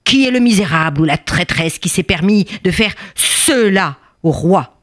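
A woman's voice: fairly low pitch, animated, normal speed, no room sound, studio quality, lightly acted. Woman doing a raging proud king. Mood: furious. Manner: shouting, indignant.

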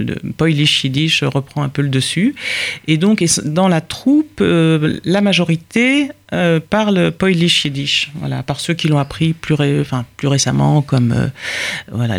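Higher-voiced creaky male guest. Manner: hesitant, restarting phrases. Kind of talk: radio interview.

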